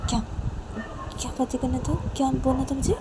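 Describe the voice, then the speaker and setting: Woman as a quiet girl, short reluctant replies, traffic noise. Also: high voice, flat delivery, a little fast, pitched above the performer's own voice, close to an everyday voice.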